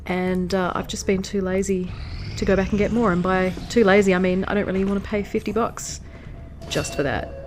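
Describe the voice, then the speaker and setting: A let's play host chats casually through a strategy game, her voice stuffy and nasal from hay fever. She's chatty and easily distracted, speaking at medium pitch in a steady, brisk tone. Faint music plays behind her.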